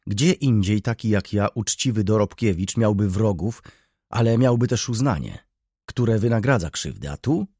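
A man's voice: lowish voice, animated, moderate pace, mellow, breathy edge, dry recording, clean studio sound. A man doing a bitter, indignant merchant. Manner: indignant, rising outbursts. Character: irritated, bitter middle-aged male merchant.

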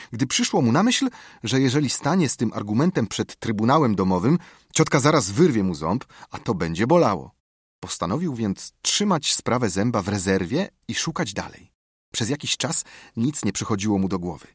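A man narrating a children's classic as an audiobook, with expressive storytelling. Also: mid-range voice, husky, no echo, studio quality. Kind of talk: scripted narration.

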